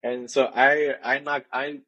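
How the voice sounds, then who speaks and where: A man's voice: medium pitch, flat delivery, a little slow, a bit bright, breathy edge, lo-fi sound. A young man from Tijuana and San Diego, chatting casually as a podcast guest, rambling with many restarts. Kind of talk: casual chat.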